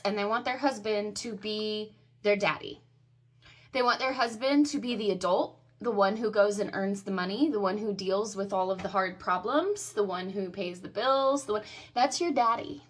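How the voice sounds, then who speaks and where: A woman's voice: mid-range voice, moderate pace. A woman in her thirties from the American South, talking bluntly to camera about her own life and swearing freely. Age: 30s. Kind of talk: candid personal monologue to camera.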